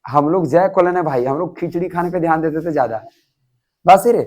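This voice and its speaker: Young male classroom teacher, high-pitched, animated lecturing with constant questions to students. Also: fairly quick, rough recording. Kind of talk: classroom lecture explaining an English story.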